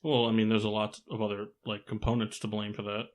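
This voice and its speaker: A man hosting a casual sports podcast, teasing his co-hosts and firing off quick questions. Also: lowish voice, level tone. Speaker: podcast host.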